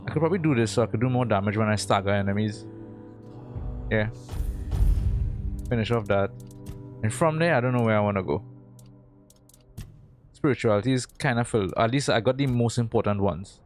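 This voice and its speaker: A man's voice: on the low side, fairly quick, long pauses. A man giving casual gameplay commentary, thinking aloud in an indecisive, mumbled way as he plays through a video game. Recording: game music behind the voice. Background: video game music.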